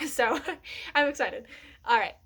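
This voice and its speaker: A woman with a slightly raised voice vlogging in a loose, casual chat. She rambles along excitedly, full of fillers and little giggles. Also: high-pitched, slow, breathy edge.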